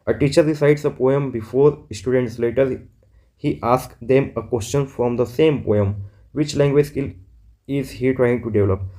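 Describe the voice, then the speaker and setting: Mellow-voiced man teaching exam questions. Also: medium pitch. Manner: reads questions in English slowly, explains in quick Hindi. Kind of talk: exam prep lesson, Hindi with English.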